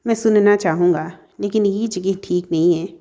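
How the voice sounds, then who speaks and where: A woman doing a gentle, polite young suitor. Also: mid-range voice, moderate pace, natural voice. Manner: soft-spoken, courteous.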